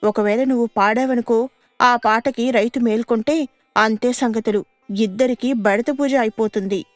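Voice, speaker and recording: Woman doing a fox, sly, teasing, cautious, raised pitch, dry radio sound, faint music. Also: fairly even intonation, normal speed, no room sound, natural voice. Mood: anxious warning. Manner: warning, then jeering.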